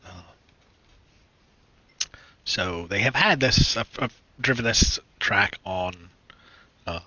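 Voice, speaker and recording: A man from the United States hosting his own gaming channel, chatting casually and rambling with many fillers, restarts and throat clearing. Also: lowish voice, slow, bright, forceful tone, no echo, poor audio. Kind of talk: casual gaming news chat.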